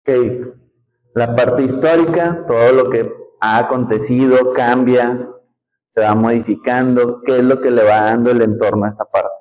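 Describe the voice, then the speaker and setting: A man with a northern Mexican accent teaching a class in a classroom. He talks in a relaxed, conversational way, explains step by step and often checks in with the students. His voice sits at an ordinary middle pitch. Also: normal speed, lo-fi sound. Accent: northern Mexican, Nuevo León. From Nuevo León, Mexico. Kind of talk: classroom lecture.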